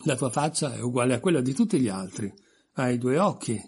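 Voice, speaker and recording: A man's voice: mid-range voice, animated, brisk, darkish tone, breathy edge. A man reading an audiobook voices a pompous, stern egg creature reciting verse. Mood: dismissive.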